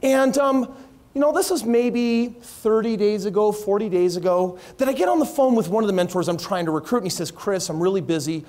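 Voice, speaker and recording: A man telling stories in an energetic way as a company founder giving a keynote on a conference stage. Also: sits high, fairly quick. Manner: energetic, animated storyteller voicing others' quotes.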